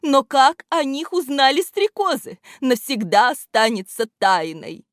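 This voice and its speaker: A woman's voice: high-pitched, sing-song, measured pace, no room sound, clean studio sound, voice pushed up. A woman voicing a frightened, tearful female letter T who cries out from out of sight. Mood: relieved. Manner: tearful wailing.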